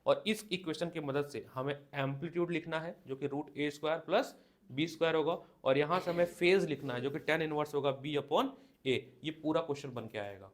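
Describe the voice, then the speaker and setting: Male physics teacher, slow repeated dictation, direct coaching, classroom lecture. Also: on the high side.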